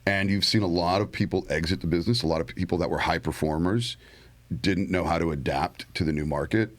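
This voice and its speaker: A man hosting an interview, asking questions in a relaxed way. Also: low voice, brisk. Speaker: podcast host. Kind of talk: conversational interview.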